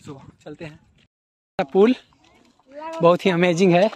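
Holding his phone out for a selfie shot, a young man narrates his travel vlog casually while crossing a river and walking toward a waterfall. His voice sits high and he speaks a little slowly, though he's excited, cheering and calling out. The outdoor phone audio is noisy.

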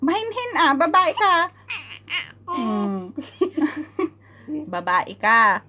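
A young woman teases her baby in playful baby talk, humming and cooing between lines. Her voice sits high and swoops widely, and she takes her time with every word. It's a casual phone recording made at home. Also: very animated, drawn-out words, pushed and bright. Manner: teasing, coos and hums, laughs often. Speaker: mother talking to her baby. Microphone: phone camera.

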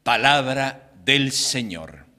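A man in his sixties, a priest, reading the Gospel and preaching at Mass in a slow, deliberate liturgical manner. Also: medium pitch, animated, pushed and bright. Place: small chapel, indoors. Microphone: microphone on a stand in front of him. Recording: reverberant chapel sound.

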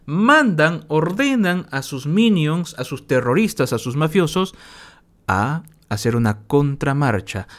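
A man's voice: a little high, big pitch swings, measured pace. A man from Bolivia ranting as a political commentator, sarcastic and insulting, scornful of what he just heard. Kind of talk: angry political commentary rant.

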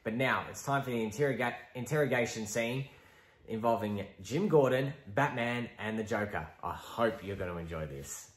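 A middle-aged man talking casually to camera as a video host, in an emphatic, halting way. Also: mid-range voice. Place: small room at home, indoors. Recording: roomy echo.

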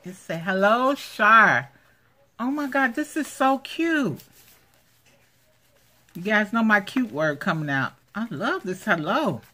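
Speaking unhurriedly with long pauses, a woman with a mid-range voice hosts a craft unboxing vlog from home, shot on a handheld camera. She's gushing and excitable about every item, repeating her exclamations.

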